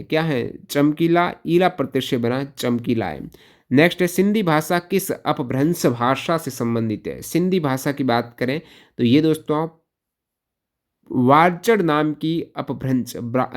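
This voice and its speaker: A man gives an exam-prep lesson, going question by question, posing each one and repeating the key answers in an instructional style. His voice sits on the high side.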